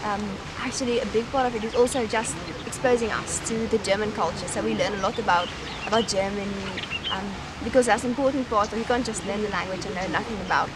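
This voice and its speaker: A young adult South African university student from an Afrikaans-speaking background, with a South African accent and a medium-pitched voice, is interviewed casually outdoors in a sunny campus garden. She talks in a relaxed, thoughtful way, often pausing and restarting. The recording is very noisy.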